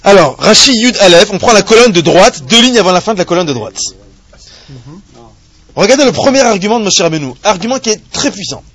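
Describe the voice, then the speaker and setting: A man teaching a live Torah class to a small group of students, animated and joking, asking rhetorical questions as he explains a text. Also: high-pitched, fairly quick.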